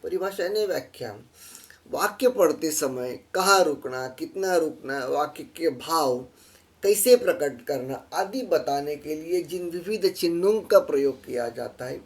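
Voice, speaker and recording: Higher-pitched man teaching a slide lesson. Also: lively intonation. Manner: explains patiently, repeats key phrases, pauses with fillers. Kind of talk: classroom lesson over slides.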